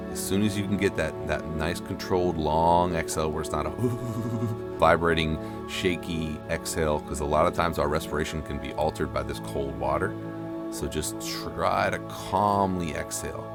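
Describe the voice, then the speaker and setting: A man with an extremely deep voice leads a guided breathing session. He is calm and soothing, giving simple instructions as a coach would. Prominent new-age music plays behind his voice throughout. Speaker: breathwork and ice bath coach.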